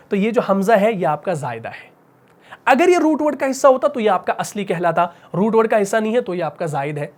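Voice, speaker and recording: A man teaching a Quran recitation lesson. He repeats key points, asks his class rhetorical questions, and slows to a near whisper on the words that matter. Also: high-pitched.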